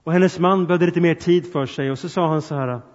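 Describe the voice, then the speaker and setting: A man preaching a sermon, earnest, speaking straight to his congregation with questions and appeals. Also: a little high. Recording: long reverb, dull sound.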